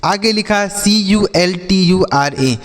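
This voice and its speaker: High-voiced male teacher, echoing hall. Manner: spells letters slowly, then asks and answers his own questions. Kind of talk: spelling and reading lesson for children.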